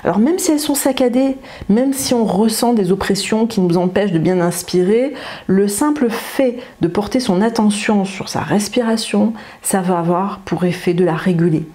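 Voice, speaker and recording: A woman psychologist talks a listener through deep breathing in a warm, mellow voice. She leans on slow, soothing repetitions and drops in casual fillers like "hein" now and then. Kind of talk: guided breathing and relaxation instruction.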